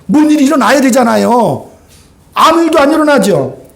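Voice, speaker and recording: High-voiced pastor preaching in an echoey hall. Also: male voice, normal speed, creaky. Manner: animated storytelling, acting out quoted voices, rhetorical questions. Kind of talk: sermon. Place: church sanctuary.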